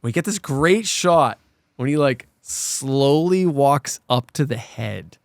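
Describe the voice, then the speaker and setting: A man co-hosting a casual film discussion, retelling things in an animated, sweary way and acting out quotes. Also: mid-range voice, takes it slowly, creaky, no room sound. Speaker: podcast co-host.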